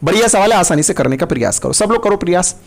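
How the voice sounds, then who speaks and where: Lively high-voiced man teaching maths. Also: fast, gravelly. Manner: patient, repeats steps and checks if students follow; addresses students as kids, coaxing. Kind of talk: live online maths class.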